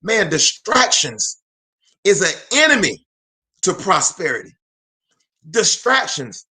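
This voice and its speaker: A man in his forties, a motivational speaker and host, speaks in a highish voice that is pushed and bright. His live talk is fervent, paced like a preacher's, heavy on repetition for emphasis and on calling out to viewers.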